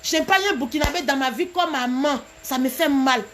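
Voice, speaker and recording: A woman with a very high, piercing voice, talking on a live stream. She keeps repeating her phrases for emphasis and slips small laughs between them, addressing her viewers directly. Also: brisk, fairly bright tone, slight background noise. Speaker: live video host.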